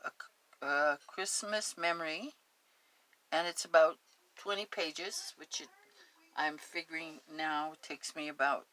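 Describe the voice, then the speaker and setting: Woman with a Spanish accent reading aloud; bright, forceful tone, relaxed and digressive between passages. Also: low-pitched, low-quality recording. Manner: chatty, digressive, homey. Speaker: story reader. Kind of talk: reading a story aloud with chatty asides.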